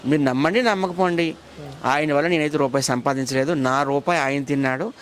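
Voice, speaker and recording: Fast-talking aggrieved man. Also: a little high. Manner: aggrieved, rapid and insistent. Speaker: interviewee. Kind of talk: casual interview talk.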